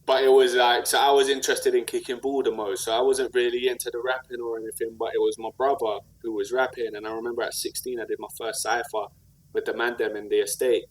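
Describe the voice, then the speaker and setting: A South London man, a rapper and community activist, talks fast and earnestly on a podcast, telling stories and reflecting in slangy speech peppered with "like" and "you know what I mean." His medium-pitched delivery is flat, and the recording is low-quality.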